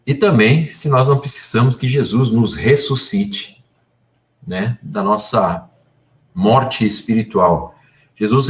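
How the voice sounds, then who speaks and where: A man with a Brazilian Portuguese accent co-hosting a casual Bible discussion, explaining the stories and closing the episode. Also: fairly low pitch. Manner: explanatory, wraps up and signs off the episode. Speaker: co-host.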